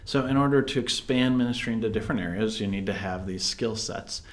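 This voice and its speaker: Speaking a bit quickly in a lowish voice, this interview host is a man in his thirties. He puts his questions in a warm, easygoing way, and the audio comes through an earbud headset on a video call.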